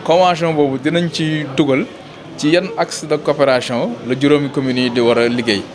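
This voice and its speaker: Amid crowd noise, a local official with a Senegalese accent explains things during an interview, in a slightly high voice with fairly even intonation. He pauses mid-phrase and repeats words as he talks.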